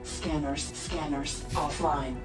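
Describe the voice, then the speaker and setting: A woman voicing a calm female ship computer that announces system status in flat, even tones. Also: sits low, slow pace, over music. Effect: ship computer voice from the game.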